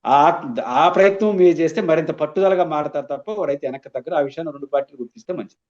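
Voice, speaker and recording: Fast-talking emphatic male political analyst. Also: on the high side, darkish tone, lo-fi sound. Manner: emphatic, argumentative. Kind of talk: studio interview commentary.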